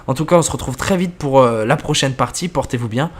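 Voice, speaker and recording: A man with a middle-pitched voice chats loosely after a story reading, hesitant and thinking aloud as he goes. His delivery is informal, and he pauses and restarts often. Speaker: horror story channel host. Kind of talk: casual wrap-up commentary.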